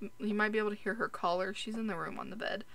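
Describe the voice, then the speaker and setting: A woman's voice: mid-range voice, steady tone, very fast, fairly bright tone, a little hiss or hum. A young woman casually commenting on her life-sim gameplay at home, rambling and talking to her game characters. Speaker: gaming YouTuber. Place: home room. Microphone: desk mic with headphones.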